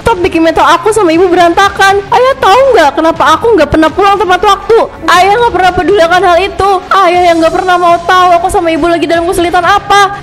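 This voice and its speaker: A woman voicing Nadia, a brash, defiant teenage schoolgirl in a cartoon parody soap. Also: extremely high pitch. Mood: tearful. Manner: sassy, defiant, whiny when upset. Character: teen girl Nadia, brash pick-me schoolgirl. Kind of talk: animated parody soap dubbing.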